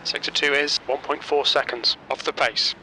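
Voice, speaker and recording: Male voice, terse pit radio calls, sharp bright tone, faint background noise, clipped updates. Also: a little high, normal speed, rough recording. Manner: clipped, flat reporting of gaps and flags. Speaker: automated race engineer callouts.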